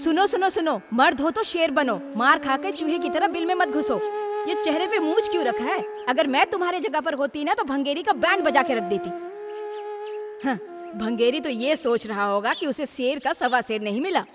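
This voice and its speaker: A bold village woman scolds and mocks with a high, biting voice. A long reverb trails her lines. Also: animated, normal speed, over loud music. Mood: mocking. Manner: scolding, mocking. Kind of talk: Hindi film dub.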